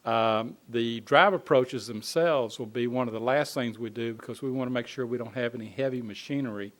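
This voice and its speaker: A man giving an informal spoken report at a city council meeting, pausing often on fillers and restarting phrases. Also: medium pitch. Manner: halting, frequent uh fillers and restarts. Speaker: city staff presenting a construction update to council.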